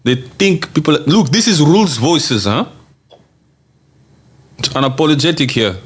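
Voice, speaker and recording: Slightly high and husky, this podcast host's voice moves at a measured pace. He chats loosely and reads out viewer comments, speaking emphatically, laughing a lot, and repeating phrases to drive points home.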